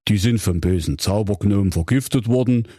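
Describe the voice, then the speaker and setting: A man playing a bored hotline clerk from a fairy-tale service line. He drones along in an unhurried, official tone, recorded dry and close in a comedy audio story. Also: fairly low pitch, dry recording, lightly acted. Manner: flat bureaucratic drawl.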